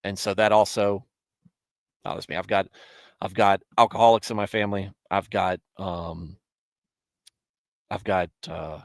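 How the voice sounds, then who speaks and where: A man with a fairly low voice talks in a loose, rambling way, starting over mid-sentence and chuckling now and then. His thirties show in his tone as he answers viewers on a casual live stream. The sound is dry and close to the mic. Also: flat delivery, a little slow, long pauses, no echo. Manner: rambling, self-correcting, chuckles often. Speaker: streamer hosting a Bible show.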